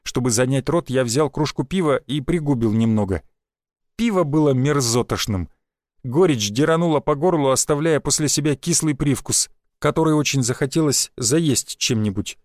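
A man narrating a first-person audiobook in a lively, expressive reading. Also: mid-range voice, normal speed, no echo, studio quality.

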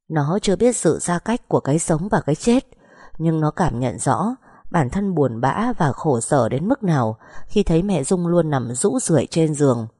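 A woman narrating a sad family story in a soft, measured storytelling voice. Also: deep voice, breathy edge, no room sound, studio quality.

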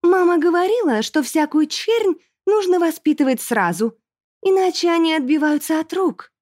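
A woman's voice: very high voice, expressive, normal speed, darkish tone, dry recording, clean studio sound, pitched above the performer's own voice. A woman reading an audiobook, voicing a spoiled, haughty aristocrat girl who sneers and shrieks. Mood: drawling.

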